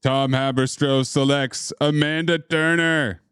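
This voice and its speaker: A man's voice: medium pitch, fairly even intonation, measured pace, a bit bright, smooth, no room sound, clean studio sound. A man reading out draft picks in a formal mock announcer delivery.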